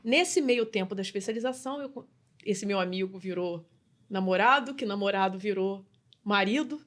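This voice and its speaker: A woman's voice: mid-range voice, normal speed. Brazilian woman telling her career story. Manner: animated, restarts phrases, frequent tag questions. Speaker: guest, customer experience mentor. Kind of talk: conversational interview storytelling.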